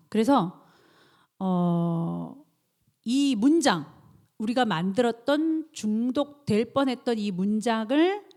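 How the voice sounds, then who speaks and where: A woman pastor preaching a sermon, animated and acting out inner self-talk in quoted voices. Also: a little high.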